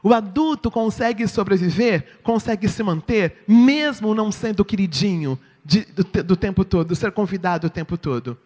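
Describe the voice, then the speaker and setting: Brazilian woman church speaker, lively swooping delivery, sermon teaching, long hall echo. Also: medium pitch, normal speed, few pauses. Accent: Brazilian Portuguese. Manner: expressive, asks the audience "right?". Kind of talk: sermon-style teaching talk.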